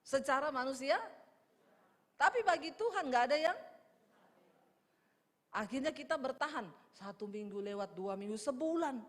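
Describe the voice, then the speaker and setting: A woman's voice: sits high, moderate pace, pauses often. Woman pastor preaching in a church hall. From Indonesia. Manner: lively anecdotes, acts out voices in dialogue, addresses the congregation. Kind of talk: sermon storytelling. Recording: church hall with long reverb.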